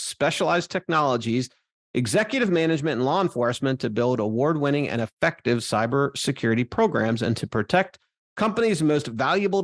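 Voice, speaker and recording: A man's voice: medium pitch, no room sound, clean studio sound. A man co-hosting a podcast, reading scripted introductions in an announcer-like, late-night radio DJ manner. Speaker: podcast co-host, cybersecurity adviser.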